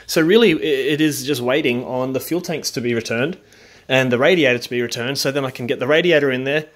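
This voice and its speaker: A man's voice: medium pitch, a little fast, a bit bright. A man talking casually through his car repair work in a home garage, rambling with lots of ums. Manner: rambling, many ums, plain-spoken. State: out of breath. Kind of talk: casual workshop vlog.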